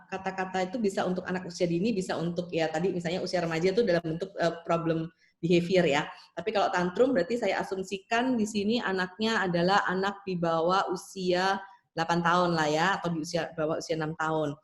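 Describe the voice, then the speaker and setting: Fast-talking woman psychologist, roomy sound. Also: lowish voice, steady tone. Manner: explanatory, frequent tag fillers, acts out soothing parent lines. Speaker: child psychologist. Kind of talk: online seminar Q&A. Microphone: video call.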